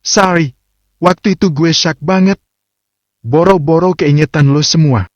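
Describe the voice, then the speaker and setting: A man's voice: on the high side, unhurried, dry recording, voice pushed up, close to an everyday voice. A man voicing a playful, sassy young wife who talks in bubbly slang, on a dull, dry recording. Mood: chatty.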